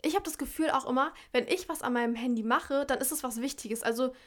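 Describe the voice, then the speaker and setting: A woman's voice: high voice, fast talker, fairly bright tone. A young woman chatting casually on a vlog, blunt and impatient, often laughing. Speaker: vlogger. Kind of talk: casual chat.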